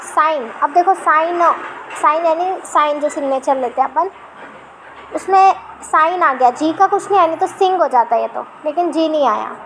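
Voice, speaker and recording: Woman teacher, pretty high voice, slow and patient with kids, light hiss in the background. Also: lively intonation, poor audio. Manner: patient, repeats words slowly. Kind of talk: explaining an English lesson.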